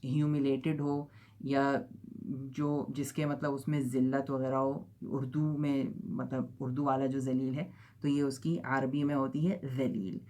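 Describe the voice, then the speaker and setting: This is a male teacher giving a beginner pronunciation lesson. He draws out each letter sound slowly and carefully, then keeps asking his students whether they have followed. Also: medium pitch, level tone, dark tone. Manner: slow, drawn-out model sounds, frequent "theek hai?" checks. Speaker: Arabic teacher.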